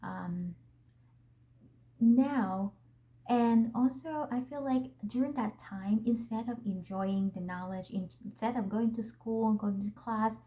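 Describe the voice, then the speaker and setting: Speaking slowly in a voice on the high side, a young woman with a Vietnamese accent, a native Vietnamese speaker, hosts a vlog. She talks to the camera gently, earnestly and reflectively, and the recording is low quality.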